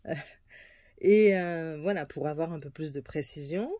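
A woman's voice: low-pitched, measured pace, mellow, dry recording, studio quality. Hesitant woman presenting oracle cards. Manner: hesitant, many fillers and restarts. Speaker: tarot and oracle card reader. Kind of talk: casual card reading presentation.

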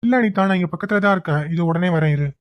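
An impatient young man in a cartoon, voiced by a woman. He speaks curtly and fast in a lowish voice. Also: close to an everyday voice. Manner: curt, irritated. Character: young man, impatient with cousin, doting on girlfriend.

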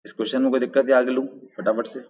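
In a medium-pitched, level and somewhat mellow voice, a man teaches rapid-fire during a live online quiz lesson, breaking answers down step by step. He checks in with viewers, greets the chat and asks for their answers. The audio is dull and lo-fi, with long reverb.

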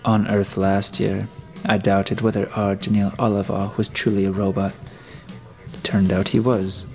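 A man's voice: on the low side, little pitch movement, measured pace, a little mellow, faint music behind. A man playing a suspicious male detective who questions and gives orders bluntly. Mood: commanding suspicious. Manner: blunt, commanding, probing.

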